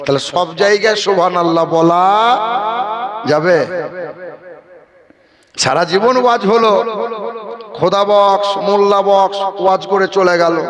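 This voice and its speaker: A man's voice: sits high, measured pace, long pauses, crowd noise. A man with a Bardhaman Bengali accent giving a waz sermon, moving between sing-song preaching, jokes and questions thrown at the audience. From Bardhaman, West Bengal. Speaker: Islamic preacher.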